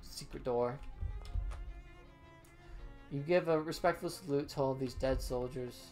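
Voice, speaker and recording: A man's voice: medium pitch, a little slow, darkish tone. A man reading a game aloud as he plays, in casual playthrough narration. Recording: music behind the voice.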